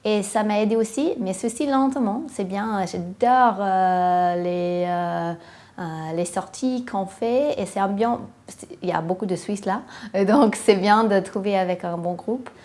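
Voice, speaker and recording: A woman's voice: medium pitch, unhurried, a little mellow. Hesitant woman speaking French. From western United States. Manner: hesitant, frequent fillers, searching for words in a second language. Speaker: interviewee. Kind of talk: casual personal account.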